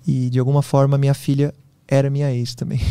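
Fast-talking man with a gravelly voice. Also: mid-range voice, no room sound. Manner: fast, animated storytelling. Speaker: podcast guest. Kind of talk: casual interview storytelling.

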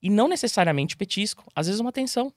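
A Brazilian man in a fast, lively explanation as a podcast guest, his voice a bit higher than most men's. He keeps acting out owners and dogs in quick little voices. The sound is close and dry. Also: no room sound. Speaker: dog trainer, guest. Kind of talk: casual interview talk.

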